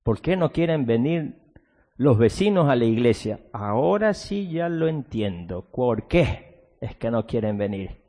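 A man's voice: medium pitch, big pitch swings. Male pastor preaching in a reverberant hall. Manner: preaching with sudden loud outbursts and drawn-out emphasis; acts out mocking soft-spoken quotes. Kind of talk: sermon. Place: church.

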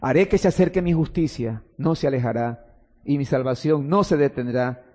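A man preaching a sermon with impassioned swings between loud exclamations and hushed, drawn-out phrases. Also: mid-range voice, long reverb tail. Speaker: pastor.

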